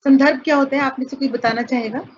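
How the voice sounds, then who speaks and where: A woman's voice: high voice, steady tone, quick pace, slight background noise. A woman teacher giving an online class lecture, explaining step by step with examples and mixing English words into her talk. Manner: mixes English words into Hindi; addresses students fondly as children. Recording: dull, muffled audio.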